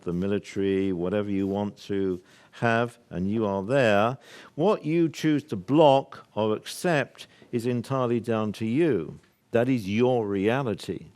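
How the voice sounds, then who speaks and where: A man's voice: lowish voice, darkish tone. An older man from the UK giving an earnest, rambling workshop talk to a live audience. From United Kingdom. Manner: earnest, emphatic, rambling with laughs and restarts. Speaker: workshop speaker.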